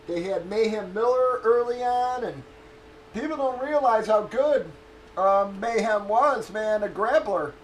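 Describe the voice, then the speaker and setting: A man with a high-set voice chats loosely and profanely, stalling and circling back as he hunts for a name. He sounds like he is in an echoey room. A faint hum of ambience sits underneath. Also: animated, measured pace. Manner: profane, storytelling, trails off searching for names. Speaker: streamer. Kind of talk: casual rambling chat.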